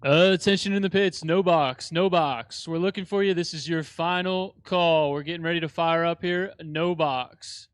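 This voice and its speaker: A man announcing final calls to the racing pits over a PA system, repeating his calls in a drawn-out way. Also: fairly high pitch, steady tone, clean tone, no echo. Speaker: drag race pit announcer. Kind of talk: event announcements.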